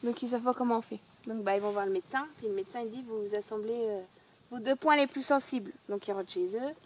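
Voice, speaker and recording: A woman's voice: on the high side, quick pace, darkish tone, a little hiss or hum. A woman chatting casually outdoors in a forest at night, telling a joke with gusto. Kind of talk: casual chat.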